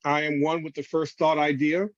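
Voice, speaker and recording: A man's voice: fairly high pitch, level tone, normal speed, no room sound. Man, reverend giving an online lecture, video call audio, muffled and dry, calls everyone family. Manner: warm familiar address, calls listeners family. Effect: video call audio in a screen recording. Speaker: reverend and webinar presenter. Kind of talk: spiritual lecture to an online audience.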